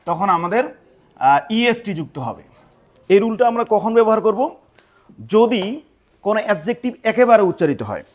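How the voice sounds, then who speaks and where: A man teaching English grammar, explaining step by step and often checking that listeners follow. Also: high-pitched. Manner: patient, repeats points with check-in questions.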